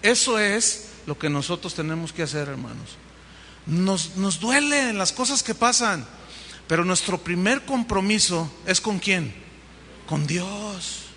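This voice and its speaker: A man preaching a sermon, animated and asking the congregation questions. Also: high-pitched, unhurried, in a large hall, slight background noise. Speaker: pastor.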